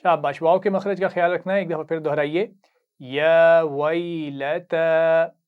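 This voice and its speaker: A man's voice: on the high side, fairly even intonation, phone-quality sound. Patient Urdu-accented male Quran teacher. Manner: patient, praising, recites words slowly and drawn out. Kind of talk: slow instructional lesson.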